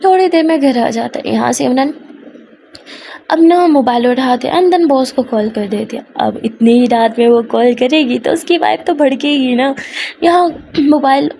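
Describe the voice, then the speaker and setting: A woman's voice: high-pitched, moderate pace, vocal fry, warm tone, slight background noise. A woman telling a story in a plain, conversational narrating manner.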